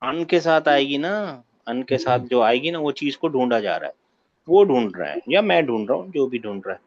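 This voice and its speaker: A man's voice: medium pitch, animated, no echo, lo-fi sound. A man teaching a grammar class online, patiently quizzing his students and repeating key points. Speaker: Arabic teacher.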